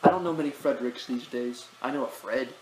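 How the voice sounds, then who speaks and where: A man's voice: medium pitch, a little mellow, slight background noise. Playful man in a roomy echo. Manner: playful, goofy, quick to laugh. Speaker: podcast co-host. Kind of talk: improvised comedic banter.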